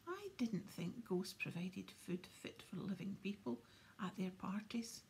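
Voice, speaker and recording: Woman putting on a sneery cold teacher guy, slow and hushed. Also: medium pitch, big pitch swings, creaky, in a whisper. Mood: sneering.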